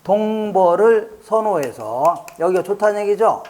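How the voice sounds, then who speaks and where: A man from Korea's Chungcheong region teaches an exam prep lecture in a high-sitting, animated voice that is a little slow and darkish in tone. Playful and jokey, he poses rhetorical questions to listeners, answers them himself, and drills mnemonics through repetition.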